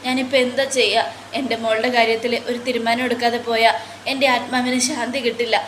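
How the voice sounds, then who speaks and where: A woman voicing a gravely ill young mother who pleads earnestly for her little daughter's future. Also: a little high, flat delivery, quick pace, a bit bright, slight background noise, close to an everyday voice. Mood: anguished. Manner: earnest, pleading retelling of dialogue. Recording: roomy echo.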